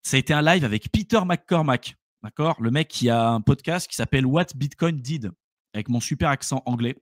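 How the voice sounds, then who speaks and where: A man's voice: medium pitch, fairly quick, dry recording, clean studio sound. A man co-hosting a live crypto stream, telling stories in loose, slangy casual chat with lots of fillers.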